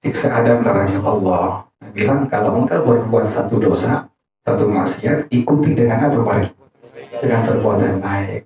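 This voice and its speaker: Male Islamic teacher, teasing and playful, heard from afar in a boomy room on a dull mic. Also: moderate pace, a little mellow, very echoey, far from the mic. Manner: joking, quizzes the audience with questions. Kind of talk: informal religious study talk. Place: gathering room with an audience.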